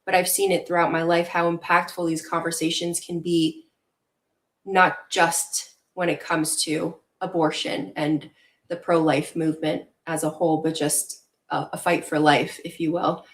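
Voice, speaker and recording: Young woman guest, from Venezuela, lowish voice, earnest, reflective, fillers. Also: little pitch movement, measured pace. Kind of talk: casual interview talk.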